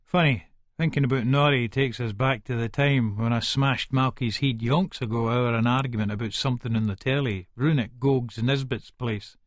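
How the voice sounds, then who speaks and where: Here the man speaks at medium pitch and normal speed with fairly even intonation, in natural-sounding studio audio without echo. Playing an ill-tempered, swearing Scottish tough, the actor narrates a dramatic first-person audiobook aggressively in colloquial Edinburgh speech, sounding irritable and full of scorn.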